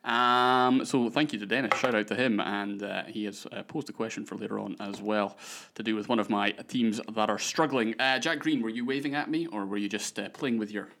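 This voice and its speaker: A man's voice: lowish voice, fairly quick, vocal fry, hardly any pauses, a bit bright. A man with a Scottish accent hosting a casual sports podcast, chatty and self-mocking, laughing often as he talks. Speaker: podcast host. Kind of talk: casual chat.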